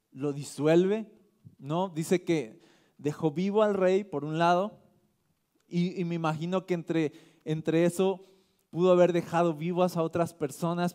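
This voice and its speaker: A man's voice: a little high, dark tone, clear, resonant tone. A male pastor giving a casual, conversational sermon. He reads scripture aloud and keeps checking in with the listeners.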